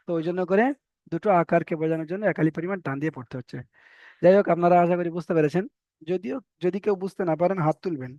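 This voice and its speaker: A man teaching Quran reading in an online class, patiently explaining and slowly drawing out letter sounds. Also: fairly high pitch, darkish tone, dry recording, highs cut off. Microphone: online class call.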